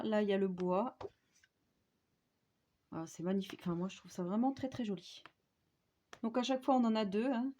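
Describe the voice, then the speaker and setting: A woman's voice: mid-range voice, dark tone. Chatty woman with a Franche-Comté accent. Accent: Franche-Comté French. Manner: chatty, with frequent "euh" and "hein" tags. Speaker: crafting YouTuber. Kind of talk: casual haul vlog.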